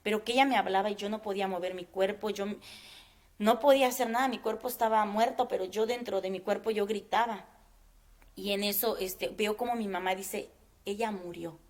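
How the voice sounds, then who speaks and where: Woman guest, mid-range voice, earnest and halting, sharing a personal faith testimony. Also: medium pitch, steady tone. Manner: earnest, halting, with many fillers.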